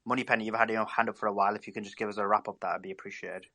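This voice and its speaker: A man moderating a discussion panel, brisk and polite as he hands over the floor. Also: lowish voice, flat delivery, sharp tone, no room sound. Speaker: host.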